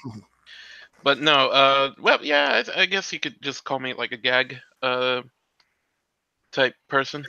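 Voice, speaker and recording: A man's voice: mid-range voice, fairly even intonation, unhurried, vocal fry, pauses often, bright, forceful tone, clear, resonant tone, no room sound. A man joining a casual stream as a guest cartoonist, joking and hesitant. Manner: joking, hesitant, laid-back. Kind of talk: casual chat. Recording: dry, dull lo-fi mic.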